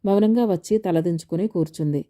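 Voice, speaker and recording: A woman's voice: on the low side, a little fast, warm tone. A woman reading a novel aloud as an audiobook narrator, telling the story steadily and voicing the characters lightly.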